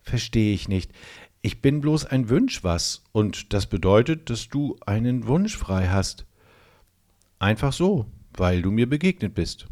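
A man's voice: on the low side, big pitch swings, a little slow, a little mellow. A man voicing a tiny, pompous male gnome who grants wishes, reciting magic rules in a fussy, officious way. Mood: puzzled. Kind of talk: audiobook role reading.

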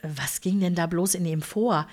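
A woman reading a story aloud in a lively, wry manner. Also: lowish voice, measured pace. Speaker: narrator.

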